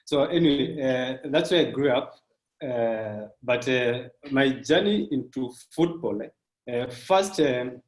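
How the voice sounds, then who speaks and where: Guy, 30s, slow careful talker with lots of uhs, echoey room sound. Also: mid-range voice. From Kenya. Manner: measured and reflective, with frequent fillers. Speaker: sports business professional. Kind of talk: casual interview. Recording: roomy echo.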